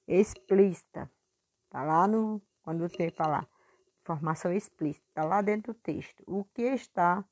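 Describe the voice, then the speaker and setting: A woman teacher recording a lesson review for her pupils, patient and clear, stretching words out to stress syllables. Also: on the low side, a little mellow.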